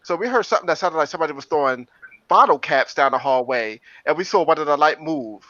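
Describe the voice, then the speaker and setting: A man with a higher, bright and forceful voice tells his story with lots of stammering restarts. The sound is dry and a little dull, with no room around it. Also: animated, fast, no echo. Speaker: paranormal investigator. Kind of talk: casual storytelling.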